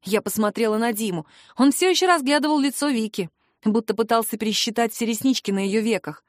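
Expressive woman narrating an audiobook. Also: on the high side, brisk, dry recording, studio quality. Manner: lively, expressive storytelling. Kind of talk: first-person novel narration.

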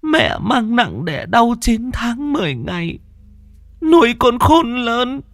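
A woman's voice: on the high side, sing-song, slow, no room sound, clean studio sound, exaggerated voice. A woman voicing an older mother who keens and wails in grief over her son, in a narrated audio story. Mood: keening. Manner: wailing, keening lament.

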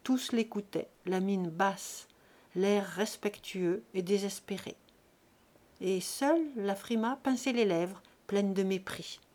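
A woman reading a classic novel aloud as an audiobook, with an expressive, measured delivery. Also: mid-range voice. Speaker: audiobook reader. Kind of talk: scripted narration.

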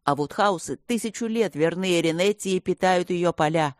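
Young male noble mage, respectful, jealous edge, low voice, woman narrator doing him. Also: little pitch movement, moderate pace, a little mellow, no room sound, studio quality, close to an everyday voice. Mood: contrite.

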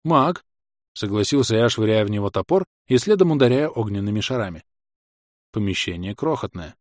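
Lively male audiobook narrator. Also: fairly low pitch, brisk, no room sound, studio quality. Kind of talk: first-person fantasy narration.

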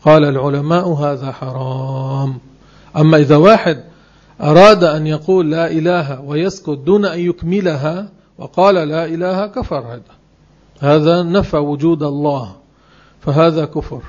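A man giving a religious lesson. He speaks emphatically and slows down to spell out phrases word by word. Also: fairly high pitch, steady tone, a little mellow, highs cut off. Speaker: religious teacher.

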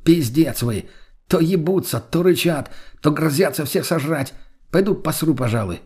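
A man voicing a crude, excitable young man who gripes and swears, in a husky voice. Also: on the high side, brisk, pitched above the performer's own voice. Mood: indignant. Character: jumpy foul-mouthed young man, crude joker.

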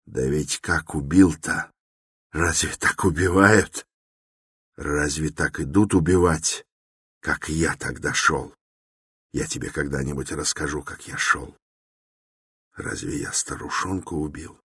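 A man's voice: a bass voice, takes it slowly, long pauses, a bit bright, breathy edge, no echo, studio quality, heavily acted. A man voicing a tormented young man who speaks in an intense, brooding, confessional way, within a dramatic novel reading.

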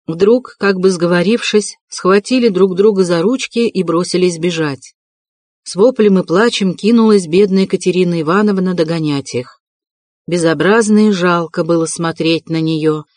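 A narrator giving a measured, dramatic audiobook reading. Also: mid-range voice, a little mellow, dry recording.

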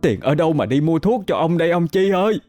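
A man's voice: sing-song, normal speed, mellow, soft background music. A man voicing a greedy middle-aged village woman who wails and scolds shrilly in a told story. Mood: wailing. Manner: wailing, shrill, self-pitying. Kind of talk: storytelling with voices.

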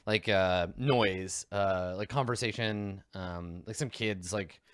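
A man's voice: on the low side, takes it slowly, smooth, dry recording. A man narrating as game master of a tabletop role-playing game, rambling with many fillers and restarts.

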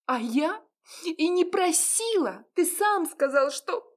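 A woman's voice: very high voice, sing-song, takes it slowly, pitched above the performer's own voice, full character voice. A woman voicing a furious young woman who shrieks through tears. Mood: tearful.

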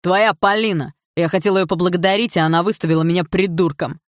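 A woman's voice: low-pitched, steady tone, brisk, no room sound, studio quality. Woman doing a cocky teenage boy. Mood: angry. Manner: swaggering, hot-tempered.

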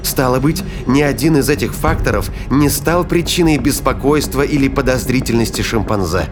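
A man reads scripted, dramatic narration for a science fiction thriller, deliberate and suspenseful. His voice is medium in pitch, and music plays behind it.

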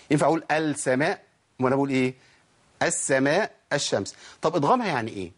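A man's voice: medium pitch, husky. A man with an Egyptian Arabic accent giving a spoken lesson on Quran recitation rules, asking questions and then answering them himself.

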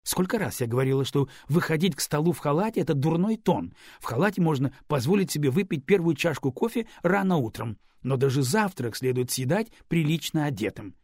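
A man voicing a haughty, quick-tempered rich woman who speaks with indignant, raised delivery. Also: fairly high pitch, animated, darkish tone, no room sound, clean studio sound.

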